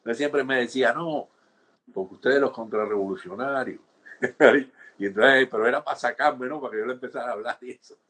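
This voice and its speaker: A husky-voiced Cuban man in his sixties tells his stories in a relaxed, conversational way. He slips into the voices of the people he quotes and keeps checking in with the listener. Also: mid-range voice, fast talker. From Cuba. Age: 60s. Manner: animated storytelling, acts out quoted guards, frequent restarts and "¿entiendes?". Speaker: interviewee, former political prisoner. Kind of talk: conversational interview storytelling.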